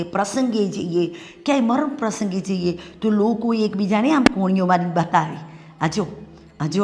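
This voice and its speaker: A woman's voice: mid-range voice, a little mellow, natural voice. Woman as a taunting middle-aged aunt, sneering, scolding, long echo in the room. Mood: threatening. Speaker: paternal aunt of the groom. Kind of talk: family drama acting.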